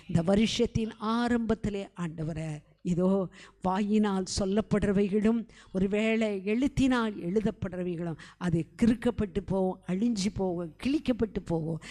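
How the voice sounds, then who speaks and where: A woman's voice: medium pitch, warm tone. Woman prayer leader, fervent pleading prayer, repetitive calls to God. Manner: fervent, pleading, repeats phrases to the crowd; often calls out to God between phrases. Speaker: prayer leader at a revival meeting. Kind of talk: leading a congregation in spoken prayer.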